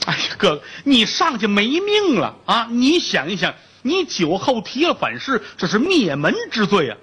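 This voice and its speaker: A man's voice: high voice, huge pitch swings, normal speed, a bit bright, husky, pitched above the performer's own voice, exaggerated voice. A man doing an urgent, loyal jailer friend. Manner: urgent, pleading.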